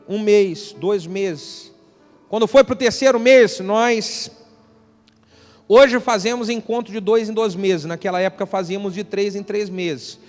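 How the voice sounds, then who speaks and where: A Brazilian pastor with a high, bright-edged voice, preaching a lively storytelling sermon. He acts out the people in his anecdote, and his voice rings through a large hall with long reverb. Soft music plays beneath him. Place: church hall.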